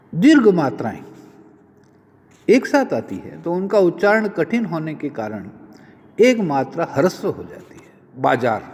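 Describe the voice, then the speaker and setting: A man lecturing on linguistics, explaining each point with many spoken examples in a measured, teacherly way. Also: medium pitch, darkish tone, big-room sound. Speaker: Hindi lecturer. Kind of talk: recorded university lecture.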